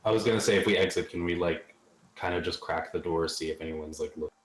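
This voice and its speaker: Guy playing a tabletop game, low voice, casual, echoey room. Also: fast. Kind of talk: casual chat.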